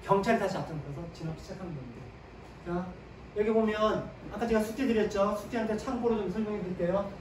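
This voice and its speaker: A man's voice: high-pitched, fast, darkish tone. A man giving a history lecture to a class, posing questions and answering them himself, with short affirming asides between points. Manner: sprinkles short "네" affirmations while explaining. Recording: echoey room, mic at a distance, faint ambient noise.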